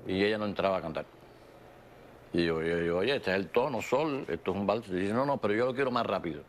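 A pianist telling animated stories in a documentary interview, acting out dialogue. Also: male voice, on the low side, fast talker. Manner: animated storyteller, acts out dialogue.

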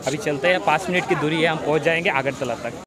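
A travel vlogger in his thirties from Tripura, India, walks through a busy outdoor railway station talking to a phone held at arm's length, with crowd chatter and passing vehicles around him. His voice sits on the high side and he talks fast, chatty and relaxed as he guides viewers around.

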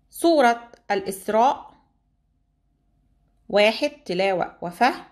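A woman teacher with an Egyptian Arabic accent reads out a long list of exam topics in a steady, even way. Her voice sits a little on the high side.

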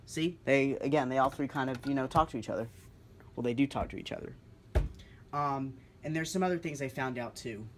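A hobbyist video creator, a man, gives a casual, unscripted demonstration of two-way radios, explaining things informally. He speaks briskly in a mid-range voice indoors in a kitchen-like room with a countertop, with background noise audible.

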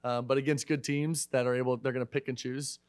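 A man's voice: medium pitch, little pitch movement, no echo, clean studio sound. A man in his thirties, a head volleyball coach, answering questions at a post-match press conference in a casual, filler-heavy way. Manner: fast, conversational, many fillers and restarts. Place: media room in front of a sponsor backdrop. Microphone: desk microphone.

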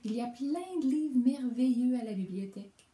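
A woman's voice: a little high, animated, normal speed, warm tone, far from the mic, pitched above the performer's own voice, natural voice. A woman voicing a tiny, cheerful, mischievous female mouse in a storybook reading, with an eager, coaxing manner, recorded in an echoey room.

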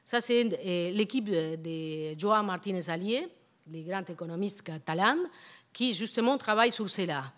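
A middle-aged native Spanish-speaking woman with a foreign, Latin American Spanish accent in French, giving a public academic lecture and often halting to search for words. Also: on the low side, lively intonation, a bit bright. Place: indoor lecture hall at a university. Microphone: handheld-type microphone on a stand.

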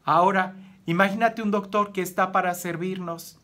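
A man's voice: steady tone, moderate pace. A man, a priest giving a gospel homily, talking earnestly and asking many rhetorical questions. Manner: earnest, rhetorical questions, swings between raised emphasis and soft low phrases.

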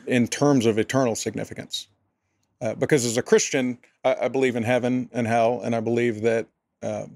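A man's voice: medium pitch, darkish tone, no echo, studio quality. A man, a pastor, answering interview questions in an earnest, thoughtful way, often restarting his sentences. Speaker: pastor and area director, podcast guest.

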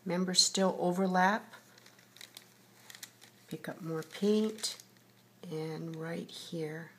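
A woman's voice: lowish voice, steady tone, drawn-out words, slight background noise. A woman giving a step-by-step painting tutorial, patiently narrating each brushstroke as she works, like a TV painting instructor. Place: indoors at a table.

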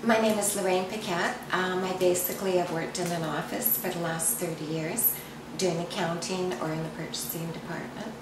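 Woman in her 50s, earnest encouraging, low voice, distant mic, echoey kitchen, noise. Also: steady tone, normal speed. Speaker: interviewee. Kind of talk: interview. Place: home kitchen. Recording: roomy, distant, noisy.

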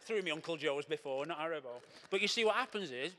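Man, jokey church talk, high voice, long reverb. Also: quick pace, a little hiss or hum. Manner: animated, jokey, coaching shouts. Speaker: church speaker. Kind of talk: lively sermon with props and audience. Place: church hall.

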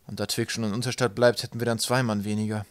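Brief: male narrator voicing Wolkenwolf, angry sky pirate captain, loud, bossy. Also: fairly low pitch, flat delivery, fast, clear, resonant tone, no room sound, natural voice. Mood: grim. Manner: harsh, loud, barking orders. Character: gruff domineering sky pirate captain, man.

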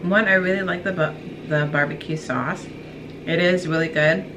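A young woman with a low speaking voice reviews barbecue wings in a relaxed, chatty way. She is a bit flustered and jokes at her own expense. The camera mic picks up a noisy home kitchen around her. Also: normal speed. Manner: chatty, self-deprecating, flustered. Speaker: guest reviewer, host's wife. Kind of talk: casual food review. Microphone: camera mic, medium shot.

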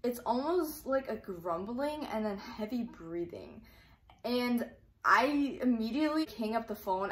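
A young woman telling a personal story in a casual, chatty way, full of fillers. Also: mid-range voice. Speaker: YouTuber.

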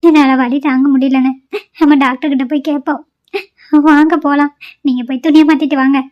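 Woman voicing a high, tearful young wife. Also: fairly even intonation, brisk, dull audio, natural voice. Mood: pleading. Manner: pleading, apologetic, tearful. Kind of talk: cartoon voice acting.

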